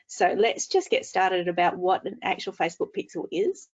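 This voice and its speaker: A woman's voice: on the low side, very animated, darkish tone, highs cut off. Woman on a screen-recorded video call. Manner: brisk, casual, explaining. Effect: screen-recorded video call audio. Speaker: presenter. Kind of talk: webinar presentation. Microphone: computer mic, no headphones.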